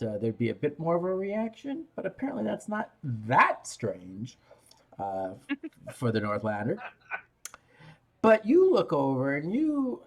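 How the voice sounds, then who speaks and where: Unhurried, halting game master with lively pitch. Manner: halting, pausing between phrases. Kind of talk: narrating a tabletop game.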